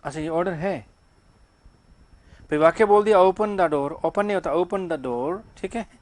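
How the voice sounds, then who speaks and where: Man, high voice, classroom teacher, asks and answers his own questions. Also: moderate pace. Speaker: English teacher. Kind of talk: classroom grammar lesson.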